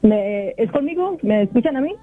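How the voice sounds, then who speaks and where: A woman's voice: expressive, breathy edge, faint music behind. Older woman on a crackly phone line. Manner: earnest, halting with many restarts. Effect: poor-connection phone line. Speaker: caller. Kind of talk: call-in phone chat. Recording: tinny, low-quality phone line.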